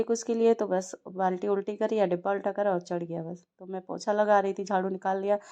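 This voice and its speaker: A woman's voice: mid-range voice, dark tone, muffled recording. A young woman, a mother casually narrating her day at home, chatty and telling stories with small laughs.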